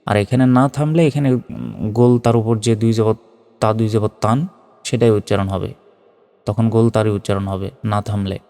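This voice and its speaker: A man teaching Quran reading, spelling out letters and vowel marks one by one and then chanting each word slowly. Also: fairly low pitch, fairly even intonation, dark tone, big-room sound. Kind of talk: step-by-step recitation lesson.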